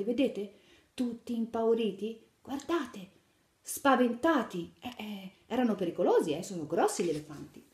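A woman's voice: fairly high pitch, echoey room. A woman reading a fairy tale aloud to children, asking them questions as she shows the pictures. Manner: animated, asks the children questions while showing pictures. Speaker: storyteller for children.

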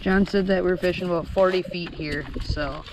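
A man hosting a fishing vlog, talking casually and excitedly with lots of slang, outdoors on a frozen lake. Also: sits high, normal speed. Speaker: fishing vlogger. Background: wind noise.

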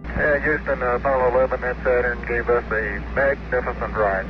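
A man speaking as an astronaut in a helmet radio transmission, clipped, calm and matter-of-fact. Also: medium pitch, fairly quick. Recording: muffled archival radio with loud hiss.

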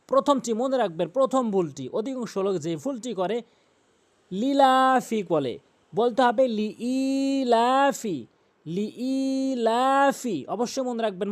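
A man teaching correct Quran recitation, drawing out chanted words between quick, patient explanations of mistakes. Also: high voice, darkish tone. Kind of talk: slow recitation lesson.

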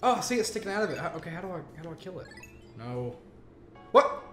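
A man's voice: a little high, sing-song, fast, fairly bright tone, roomy sound, soft background music. A man playing a game while telling a rambling, laid-back story in casual chat. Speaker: let's play co-host.

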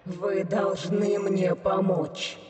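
An eerie, slow, echoing undead corpse. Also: male voice, sits high, fairly even intonation. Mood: eerie pleading. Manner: slow, repetitive pleading. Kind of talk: video game creature acting. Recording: distant, heavily echoing, faint noise.

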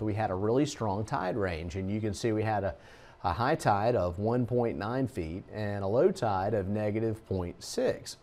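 A middle-aged man, a TV meteorologist giving a relaxed, folksy talk over slides. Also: on the low side.

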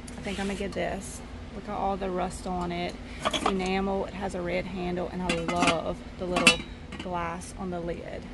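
Chatty woman with a gravelly voice. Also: lowish voice, monotone, normal speed. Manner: enthusiastic, chatty, addresses viewers. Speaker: thrifting vlogger. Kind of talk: casual walkthrough narration. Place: large cluttered old store, indoors. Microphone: handheld phone camera, first-person. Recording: loud background noise in a store.

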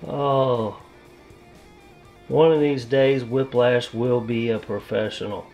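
The recording cuts off the highs, leaving a medium-pitched male voice. A PC hobbyist vlogger chats to himself while repasting and rebuilding his computer, rambling casually and joking at his own expense.

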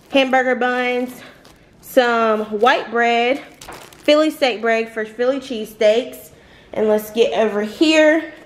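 Chatty young woman in a kitchen. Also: sits high. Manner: chatty, rambling, laughs often. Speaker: vlogger. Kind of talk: casual grocery haul vlog. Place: home kitchen, indoors. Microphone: camera on the counter.

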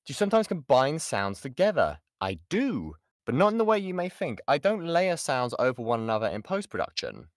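This British voice actor's medium-pitched voice swoops wildly as he talks fairly quickly with few pauses during an informal online lesson with audience questions. Recorded close to the mic with no echo, he's chatty and jokey and keeps breaking into his own sentences.

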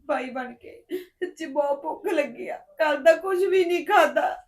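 Woman acting as a crying captive girl begging for food, very high voice, roomy echo from far off. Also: moderate pace. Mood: pleading. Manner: pleading, tearful. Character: young woman held captive, hungry and desperate. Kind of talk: Punjabi drama acting.

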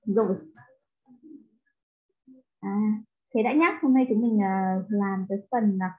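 A woman's voice: mid-range voice, slow pace. A woman teaching English, tutoring one pupil and explaining words step by step in with English terms mixed in. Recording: tinny phone-like line.

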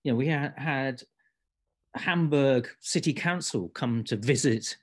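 A man's voice: medium pitch, a little slow. A man, principal of an architecture practice, speaking in a panel discussion with many hesitant restarts.

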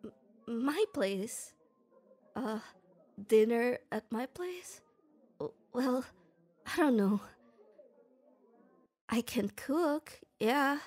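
In an ASMR roleplay directed at the listener, a young woman plays a gruff yet kind, shy tomboy, stammering and hesitating close to the mic. Her slightly high, darkish voice is expressive and extremely slow, with frequent pauses.

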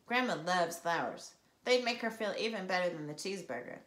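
Bright-voiced woman reading a children's book. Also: on the low side, brisk. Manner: lively storytelling. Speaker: teacher reading aloud. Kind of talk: reading a children's novel aloud. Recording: roomy echo.

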